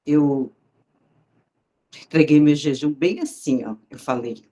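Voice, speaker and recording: Low-voiced woman testifying. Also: slow pace, dark tone. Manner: heartfelt, conversational storytelling, addresses listeners directly. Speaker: testimony speaker. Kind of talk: personal faith testimony.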